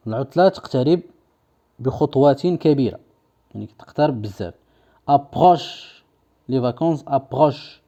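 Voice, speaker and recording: Moroccan teacher with a mellow voice. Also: male voice, medium pitch, expressive, lo-fi sound. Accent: Moroccan Arabic. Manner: repeats words slowly and translates them. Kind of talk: recorded French lesson explained in Darija.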